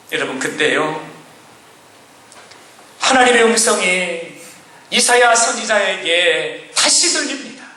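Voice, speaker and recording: High, bright-voiced preacher shouting in an echoey church. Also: male voice. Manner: dramatic, acting out the king's and prophet's words, often shouting. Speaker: pastor. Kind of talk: sermon. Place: church sanctuary. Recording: echoey church hall with faint noise.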